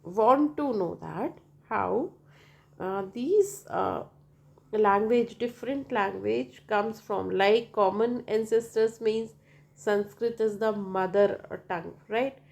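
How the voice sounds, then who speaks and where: Indian-accented woman teacher, slow and halting lecture delivery, repeats points and adds check-in tags. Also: mid-range voice, vocal fry, darkish tone. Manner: halting, repetitive, often checks with "right?". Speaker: linguistics teacher. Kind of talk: lecture explanation.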